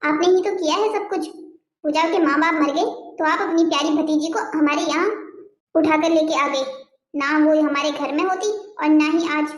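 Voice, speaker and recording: This is a scheming, sharp-tongued aunt from a cartoon family drama, voiced by a woman. Her voice sits very high and cuts like a shrill scold, soaked in greed and grudge. The recording rings with a roomy echo. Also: steady tone, normal speed, natural voice. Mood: indignant. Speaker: aunt and mother.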